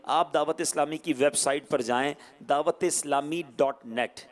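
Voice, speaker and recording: A man preaching a sermon to a large gathering, exhorting and animated. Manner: exhorting, animated, often rising in pitch.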